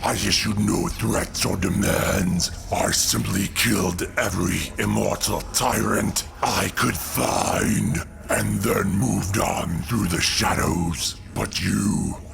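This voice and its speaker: A man playing a grave, embittered alien god killer in a comic-book audio drama, delivering slow, theatrical, menacing speeches. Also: fairly even intonation, a bit bright, full character voice. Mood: brooding. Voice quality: deep gravelly voice. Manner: slow, brooding, theatrical villain monologue. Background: music under the voice.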